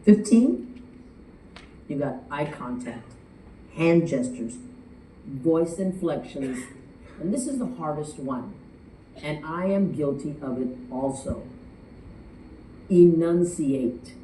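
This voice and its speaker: Woman judge addressing an audience; lowish, warm voice, roomy distant sound. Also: slow pace, a little hiss or hum. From United States. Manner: animated, chatty, with sung and acted quotes. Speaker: speech contest judge. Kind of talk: speaking to an audience. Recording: echoey room from far off.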